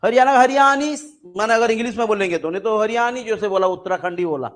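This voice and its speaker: A man's voice: high voice, fast talker. A man teaching a classroom grammar lesson, with an Indian English accent, explaining through many examples and often checking whether students understand.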